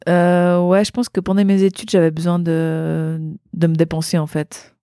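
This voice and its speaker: A woman's voice: on the low side, normal speed, smooth, no echo, studio quality. Chatty woman guest, laughing easily. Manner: relaxed, chatty, many fillers and restarts, frequent laughs. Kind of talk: casual podcast interview.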